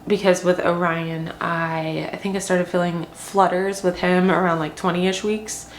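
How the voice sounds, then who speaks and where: Young woman vlogger, low-pitched, rambling chatty delivery with fillers, slightly breathless, echoey home room with faint ambience. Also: fairly even intonation, unhurried, a little hiss or hum. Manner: chatty, rambling, many ums and likes. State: short of breath. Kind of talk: casual pregnancy update.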